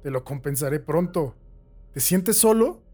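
A man voicing a calm, gently amused male captor who talks soothingly. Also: on the high side, unhurried, soft background music. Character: calm cheerful male captor behind a vent.

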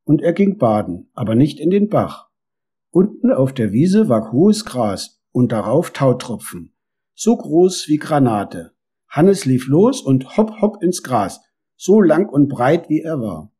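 A man narrating a children's story in a lively storytelling manner. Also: medium pitch, slow pace, slightly rough. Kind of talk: storybook reading.

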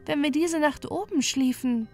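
A woman's voice: high voice, moderate pace, darkish tone, soft background music, voice pushed up. A woman voicing a sweet, innocent young marsh princess in a storybook. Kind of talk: storybook reading.

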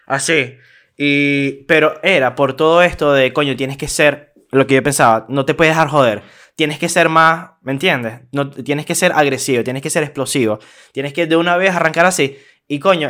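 A young man with a Venezuelan accent, casually telling a story on a podcast, slangy and animated, acting out what people said. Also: a little high. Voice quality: animated, slangy, acts out quoted voices. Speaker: podcast co-host.

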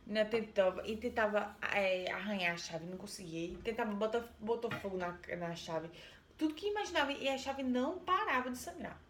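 A woman with a Brazilian accent retelling a folk tale and explaining it in a chatty, animated way. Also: medium pitch, brisk, a little hiss or hum. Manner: chatty, animated, with many fillers. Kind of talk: casual storytelling and explanation. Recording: roomy echo.

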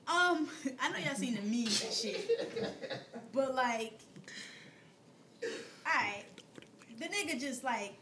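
A woman co-hosting a podcast, telling stories in animated, profane casual chat. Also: sits high, takes it slowly, pauses often, distant mic. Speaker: podcast co-host. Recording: roomy, off-mic with faint room noise.

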